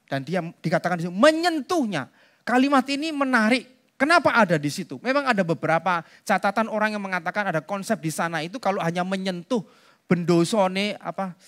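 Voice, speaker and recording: A man's voice: high-pitched, a bit bright. A man preaching to his congregation. He talks in a loose, conversational way, speaks to them directly and drops in asides. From Indonesia. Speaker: pastor. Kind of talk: sermon.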